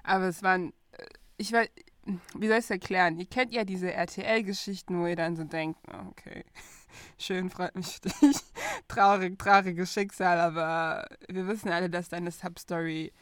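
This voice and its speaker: A young woman co-hosting a casual chat, talking lively and slipping English phrases in between. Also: on the low side, normal speed, no room sound, studio quality. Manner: lively, mixes English phrases into German, laughs often. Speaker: podcast co-host.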